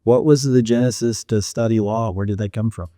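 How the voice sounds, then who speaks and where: A man hosting an interview podcast, upbeat and friendly, reacting quickly to his guest. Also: fairly low pitch, fairly even intonation, mellow, no room sound, studio quality. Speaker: podcast host.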